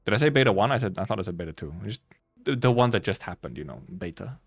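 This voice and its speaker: A man with a fairly low voice streams live game commentary, very animated and quick, with faint music behind him. He rambles casually, loosely corrects himself, and swears along the way.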